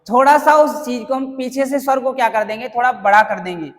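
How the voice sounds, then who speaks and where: A man teaches a classroom grammar lesson in a fairly high voice. He keeps asking the students questions and then answers them himself. The room gives his voice a long, ringing reverb. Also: fairly quick, a bit bright.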